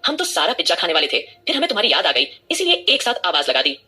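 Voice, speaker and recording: A woman's voice: lowish voice, huge pitch swings, fast talker, bright, forceful tone, breathy edge, faint music behind, heavily acted. A woman voicing a cheeky young woman who teases her friend playfully in an audio drama. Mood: teasing. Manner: teasing, playful.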